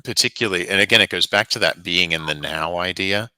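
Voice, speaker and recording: A man giving a calm, reflective intuitive reading in easy conversation, laughing now and then. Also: sits low, fast talker, clean tone, no echo, rough recording. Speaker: spiritual reader guest.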